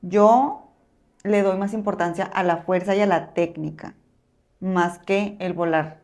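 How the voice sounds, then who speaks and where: A calm, wise eagle that patiently explains, as in a storybook put on by a woman. The voice is low-set, unhurried.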